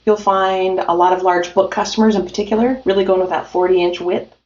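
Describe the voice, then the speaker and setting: In a remote interview, a printing-industry guest from the United States pitches her company in an upbeat way, filling pauses often. She talks a little fast with a medium, slightly mellow voice and fairly even intonation. Faint music sits under the dull, roomy recording.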